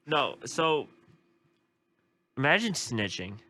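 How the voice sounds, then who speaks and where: A young man co-hosting a casual chat, joking and teasing his co-host with animated energy. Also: on the high side, takes it slowly.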